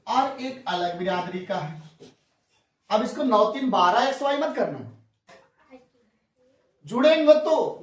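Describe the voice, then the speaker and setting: High-voiced man teaching in an echoey room. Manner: folksy, asks the class questions and answers them himself. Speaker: math teacher. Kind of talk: classroom math lesson. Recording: echoey room, mic far off.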